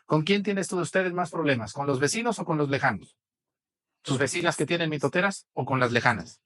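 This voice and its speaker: A man's voice: fairly high pitch, brisk, a bit bright. A man with a Mexican accent preaching a sermon, chatting with the congregation and asking them questions. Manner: conversational, asks the congregation questions. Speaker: priest.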